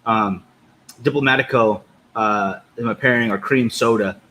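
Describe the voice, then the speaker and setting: A man's voice: lowish voice, moderate pace, pushed and bright. Man chatting casually over noticeable background noise. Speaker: podcast co-host. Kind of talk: casual cigar review chat.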